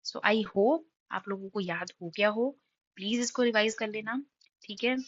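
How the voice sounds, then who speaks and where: A woman's voice: medium pitch, measured pace, no room sound, lo-fi sound. A young woman teacher with a sore throat, running an exam-prep map lesson, quizzing her students and answering in their voice, checking in often. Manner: repeats key facts with frequent "ठीक है?".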